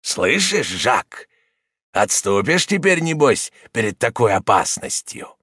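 A man's voice: mid-range voice, big pitch swings, slow pace, a bit bright, husky, no room sound, clean studio sound, pitched above the performer's own voice, exaggerated voice. Man doing a sly, devilish tamer. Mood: mocking. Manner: sly, teasing. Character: mocking, devilish male animal tamer.

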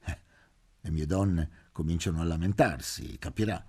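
A man's voice: deep voice, moderate pace, a little mellow, husky. A man voicing a cocky young student in an audiobook, offhand and sneering. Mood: mocking. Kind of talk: audiobook character voice.

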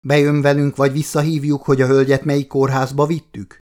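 A man voicing an emergency doctor in an audiobook, brisk, professional and reassuring. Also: medium pitch, flat delivery, darkish tone, pitched above the performer's own voice, lightly acted. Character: middle-aged male emergency doctor, brisk and calm. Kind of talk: audiobook character voice.

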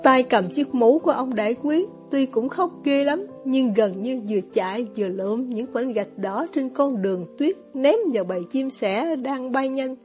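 A woman narrating a novel as an audiobook, reading in a steady storytelling manner. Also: sits high, normal speed, few pauses, soft background music.

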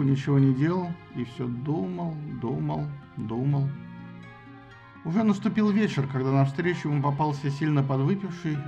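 A man narrating an audiobook in an expressive, ironic storytelling manner. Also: a little high, highs cut off.

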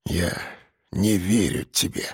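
A man voicing a proud, terse old taiga hunter who speaks hoarsely and slowly. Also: low-pitched, no room sound, studio quality, pitched below the performer's own voice, exaggerated voice. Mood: stern. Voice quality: hoarse, muffled. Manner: slow, few words, stern.

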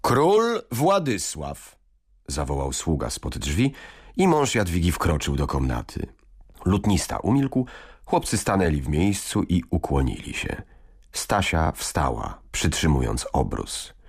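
A man reading a historical novel aloud in calm, measured narration. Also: extremely low pitch, husky. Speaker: audiobook reader.

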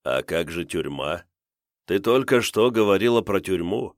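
A man voicing a calm, menacing male captor who speaks slowly and mockingly. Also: sits low, no room sound, clean studio sound. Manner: slow, drawling and mocking.

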